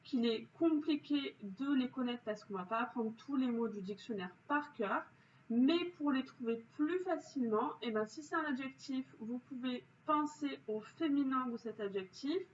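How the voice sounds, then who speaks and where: Going over her pupils' spelling exercises, this teacher speaks in a high-sitting voice, giving careful, unhurried explanations for every answer. Frequent pauses and fillers like "euh" and "donc" mark her delivery, captured in a dull, distant, roomy recording with light hiss.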